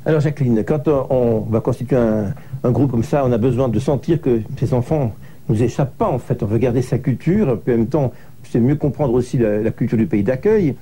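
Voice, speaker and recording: Measured male interviewer, mellow voice. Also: mid-range voice, a little hiss or hum. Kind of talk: radio interview questions.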